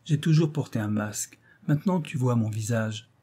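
A man's voice: mid-range voice, moderate pace, warm tone, breathy edge, close to an everyday voice. A male audiobook reader voicing a scornful, cruel young actress who taunts her lover with icy mockery. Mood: mocking. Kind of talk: audiobook reading.

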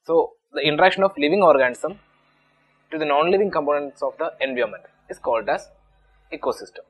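A man from Kerala, India, with an Indian English accent gives an explanatory exam-prep lecture, patiently restating each point step by step. His voice is on the high side, a bit bright and husky, and the recording quality is low.

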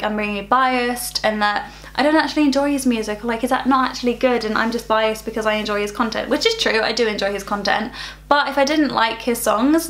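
Hosting her reaction channel from a small bright room full of plants, this twentysomething woman keeps the music talk light and cheerful despite being ill and slightly nasal. Her pitch is higher than average and a bit bright.

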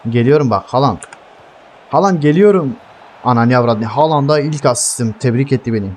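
A young man giving heated live gameplay commentary, swearing constantly and yelling at his teammates. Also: medium pitch, quick pace, slight background noise. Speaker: gaming streamer.

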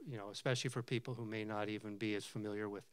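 Middle-aged male host, halting questions. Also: fairly low pitch, steady tone, smooth. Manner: halting, searching for words. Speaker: event host and interviewer. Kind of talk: onstage interview questions. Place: lecture room with a seated audience. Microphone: handheld microphone.

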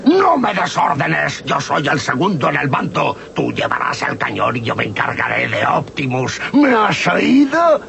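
A man's voice: medium pitch, lively intonation, normal speed, creaky, hardly any pauses, slight background noise, full character voice. A man voicing a boastful, bossy villainous robot scorpion with a menacing, theatrical manner and a Castilian Spanish accent. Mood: indignant, bossy. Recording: loud soundtrack music underneath.

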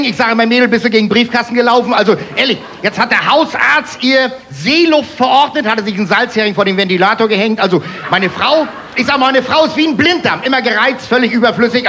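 A man from Hamburg with a Hamburg accent doing rapid-fire stand-up jokes on stage, punchy one-liners, keeps calling the crowd "friends". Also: very high voice, expressive, bright, forceful tone. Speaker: stand-up comedian. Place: live stage before a laughing audience. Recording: TV show stage recording with crowd noise.

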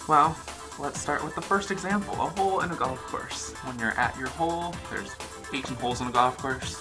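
Young male co-host, mid-pitched, casual playful debater, music clearly behind him. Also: a little fast. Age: young adult. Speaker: video co-host. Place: small living room, indoors on a sofa.

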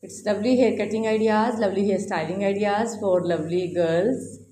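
A woman's voice: medium pitch, steady tone, moderate pace, mellow. A woman doing an effusive, repetitive voice-over as a YouTube host. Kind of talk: casual scripted-style video voice-over with repeated phrases. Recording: roomy echo, faint background noise.

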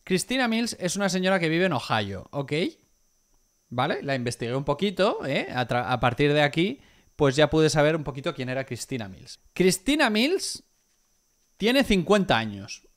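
A man's voice: fairly high pitch, normal speed. A young man, telling how he trolled a scammer in a casual, mocking style and reading chat messages aloud. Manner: animated, mocking, with stumbles and restarts. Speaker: YouTuber recounting a chat with a scammer.

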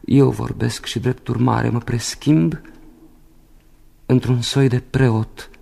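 An actor playing an anxious, dreamy young man back from war in a radio drama, shifting from hushed musing to loud calls. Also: mid-range voice, fairly even intonation, vocal fry. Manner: wavering between hushed musing and sudden exclamation.

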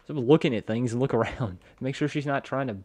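A man co-hosting a let's play, excitably directing his friend's gameplay and laughing often. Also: mid-range voice, a little fast, crowd noise. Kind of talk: casual gaming commentary.

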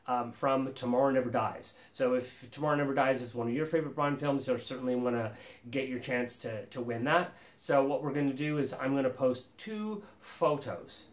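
Male vlogger, forties, mid-pitched, eager rambling host, recorded on a camera in a reverberant living room. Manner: enthusiastic, rambling with many fillers. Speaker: collector channel host. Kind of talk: casual show-and-tell vlog. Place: living room with a lit holiday tree, indoors.

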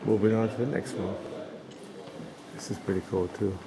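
A man with a low, creaky voice gives casual vlog commentary from behind the camera. He is laid-back as he talks inside a cave, with clear background noise. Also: fairly even intonation, normal speed. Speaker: tourist filming his own video. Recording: noisy cave ambience.

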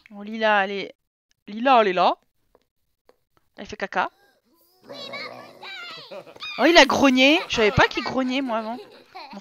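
A woman's voice: fairly high pitch, fairly bright tone. A woman streamer chatting casually while playing a life-sim game, teasing her characters and reading her chat aloud. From France. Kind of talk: casual live-stream commentary.

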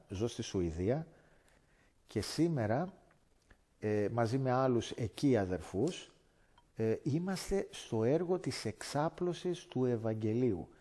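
A man from Greece giving a personal faith testimony as a guest speaker, animated and acting out conversations. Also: mid-range voice. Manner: animated, acts out dialogue in voices.

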